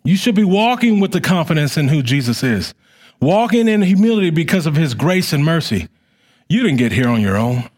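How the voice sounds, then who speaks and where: A middle-aged man preaching a sermon as pastor, with a fervent, repetitive cadence that swells loud and drops to quiet. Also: a little high, big pitch swings, fairly quick.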